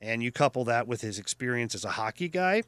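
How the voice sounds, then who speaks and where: A man with a bright, forceful voice talks through hockey trades in a casual podcast chat. His delivery is opinionated and animated, and the sound is dry and close. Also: medium pitch, a little fast, smooth, no echo. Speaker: podcast co-host.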